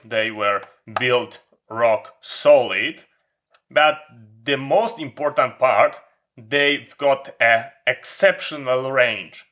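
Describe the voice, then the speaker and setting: In a bright, pushed voice of medium pitch, a hobby vlogger gives an informal hands-on product demo. He explains things in deliberate, halting phrases, punctuated by emphatic pauses.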